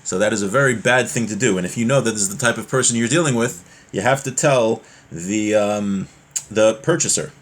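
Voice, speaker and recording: Here the man's voice sits lowish and moves fairly quickly. In a casual religious lesson, he reads from a text and unpacks it in conversation, drawing on familiar examples from daily life.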